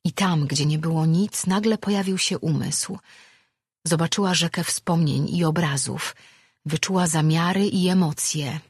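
Reading a fantasy novel, an audiobook narrator delivers scripted narration in a steady, even, unhurried way. The husky, mid-pitched voice sounds close and dry, with no room sound.

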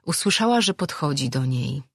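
An audiobook narrator reading a fantasy novel in steady scripted narration. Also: medium pitch, moderate pace, creaky, slightly rough, no room sound, clean studio sound.

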